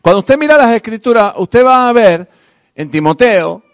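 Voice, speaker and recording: A male pastor preaching a sermon to his congregation, swinging from soft asides to loud emphasis and calling for responses. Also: sits high, lively intonation, normal speed. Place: church hall with congregation. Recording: long hall reverb.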